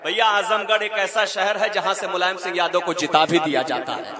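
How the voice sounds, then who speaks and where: A man, a poet reciting verse at a live mushaira, declaiming and building to shouts. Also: high-pitched, fairly even intonation, a little fast. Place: outdoor stage before a crowd. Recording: crowd noise at a live event. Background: cheering crowd.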